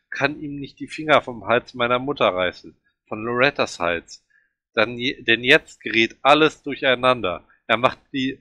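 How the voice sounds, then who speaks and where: Ein Mann liest einen Roman dramatisch und angespannt vor. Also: male voice, mid-range voice, bright, forceful tone, no echo. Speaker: reader. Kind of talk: reading a novel aloud.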